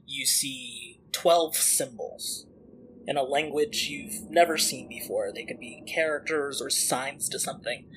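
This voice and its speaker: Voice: mid-range voice, a bit bright, poor audio. A game master narrating a tabletop role-playing game and putting questions to the players. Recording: faint background noise.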